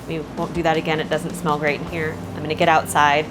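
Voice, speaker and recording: A woman narrating a casual RV vlog in a chatty, playful, excitable way. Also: low-pitched, fairly quick. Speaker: vlogger. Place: RV campground, indoors and outdoors. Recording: background music.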